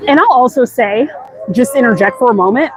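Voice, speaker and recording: Walking through a crowded theme park, this American livestream host chats casually and directly with her viewers. She talks fairly quickly in a slightly high voice with lively intonation, while the bustling park ambience fills the background.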